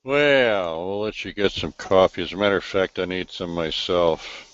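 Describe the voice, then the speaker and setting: Male host, low voice, dry close audio, unhurried and musing. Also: lively intonation, a bit bright, no room sound, muffled recording. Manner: slow, reflective, trailing delivery with fillers. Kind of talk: live online talk show chat. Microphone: video call.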